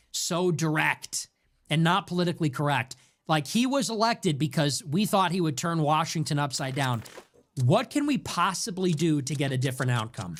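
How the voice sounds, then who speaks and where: A young adult man hosting his own show, delivering an impassioned rant packed with rapid rhetorical questions and repetition. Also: a little high. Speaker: show host. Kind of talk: impassioned ranting monologue. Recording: noisy background.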